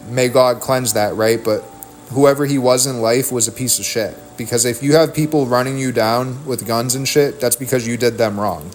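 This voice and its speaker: A man's voice: medium pitch, steady tone, normal speed, soft background music. A man streaming from home, delivering a heated, profane, rambling rant into a desk mic. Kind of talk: ranting stream talk.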